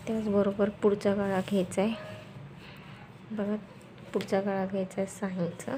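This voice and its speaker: A woman giving a step-by-step sewing tutorial, speaking softly and quietly at night, repeating steps as she goes. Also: medium pitch, little pitch movement, normal speed, a little hiss or hum. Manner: instructional, repeats steps and measurements.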